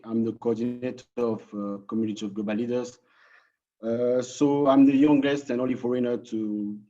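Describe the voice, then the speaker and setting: A man presenting his organization in an online webinar as its coordinator, halting with frequent restarts over a video call. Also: mid-range voice, mellow, highs cut off.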